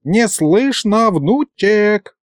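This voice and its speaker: A cranky old grandpa, put on by a male reader hollers and scolds in a folksy manner. His voice is raised and lively, with a mellow tone. It is a dry, close storybook recording. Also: on the high side, measured pace, no room sound. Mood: scolding. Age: older.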